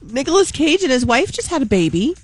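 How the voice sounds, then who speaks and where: A woman's voice: high-pitched, very animated, a little fast, soft background music. A woman co-hosting a morning radio show, teasing and dry, recovering from laryngitis.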